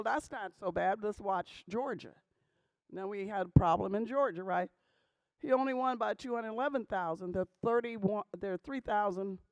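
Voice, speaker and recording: Her voice on the high side, a woman speaks emphatically to an audience of pastors, regularly pausing for "okay?" and posing rhetorical questions in this church talk. The recording carries no room sound.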